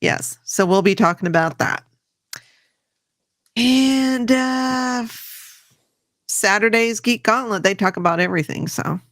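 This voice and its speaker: A woman's voice: on the high side, slow, long pauses, dry recording, studio quality. A woman joining as a guest in a casual livestream chat, chatty and upbeat. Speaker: guest co-host.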